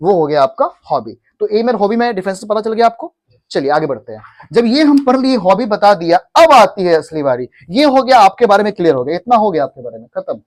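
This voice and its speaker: A man's voice: high voice, sing-song, a little fast. A man with an Indian accent teaching an English class, mixing Hindi with English and having students repeat after him. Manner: asks questions and has the class repeat; mixes Hindi with English phrases. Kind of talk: classroom lesson.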